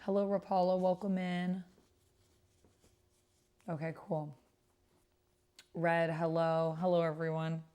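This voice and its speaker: A woman on the low side of the range, with a dark, clear, resonant tone, hosts a casual livestream, speaking slowly and levelly with frequent pauses. Informal and gushing, she plays a text roleplay game, murmuring to herself while she types and reads messages out loud over keyboard typing.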